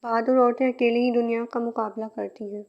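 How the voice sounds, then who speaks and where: Young father in a fanfic reading, played by a woman; scolding, high-set, muffled recording. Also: steady tone, measured pace. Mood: gentle. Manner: voices an angry scolding then a soft coaxing tone. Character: adult man, angry then tender father. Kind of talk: fan fiction reading.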